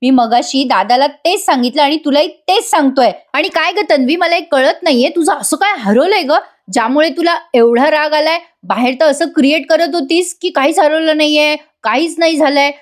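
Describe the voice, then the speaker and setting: A woman's voice: high-pitched, a little fast, few pauses, pitched above the performer's own voice, lightly acted. A woman voicing an exasperated young husband who questions and scolds his wife, in a serial retold as a story. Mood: scolding.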